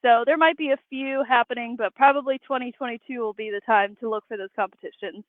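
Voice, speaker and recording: A woman arborist, appearing as a guest, fields interview questions at a quick pace in a voice on the high side. Her explanations are matter-of-fact, and the remote call audio is dry and tinny, much like a phone line.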